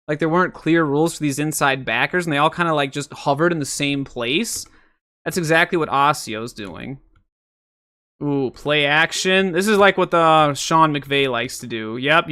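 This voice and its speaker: Man, football film breakdown, bright forceful voice, slightly high, casual thinking aloud, exasperated outbursts. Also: clear, resonant tone.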